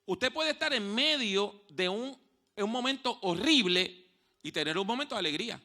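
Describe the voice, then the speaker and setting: Man preaching in church, highish cutting voice, goes quiet then loud, repeats stuff slow for emphasis. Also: expressive. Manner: storytelling preacher, swings from hushed to loud; repeats key phrases slowly for emphasis. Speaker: pastor. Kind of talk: sermon.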